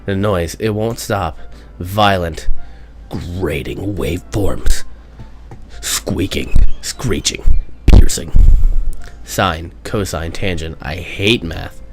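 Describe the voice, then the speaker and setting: Male performer doing a slow monotone robot voice, deep and unhurried, for a game playthrough. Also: gravelly, over music, heavily acted. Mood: robotic. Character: deep, flat-toned reading robot.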